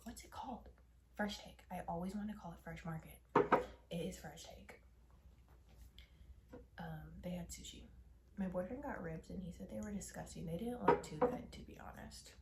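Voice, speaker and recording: A young woman chatting casually while she eats on camera, candid and swearing offhandedly, often dropping into soft whispered asides. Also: on the low side, reverberant, very noisy. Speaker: mukbang vlogger. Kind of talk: casual mukbang chat while eating.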